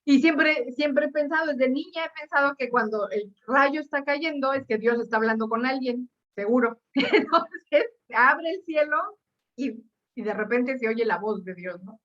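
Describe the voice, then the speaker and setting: Brief: animated woman telling a parable to an audience, fillers and laughs, dull muffled sound. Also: high-pitched, moderate pace. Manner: lively, laughing, many fillers. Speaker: speaker. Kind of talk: storytelling talk.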